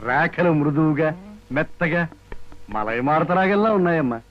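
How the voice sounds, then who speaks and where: Guy doing a smooth-talking fake palm reader, high lively voice, muffled old movie sound w music. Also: lightly acted. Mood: flattering. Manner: slow, sweet-talking and flattering. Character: sly fake palm-reader man, flattering.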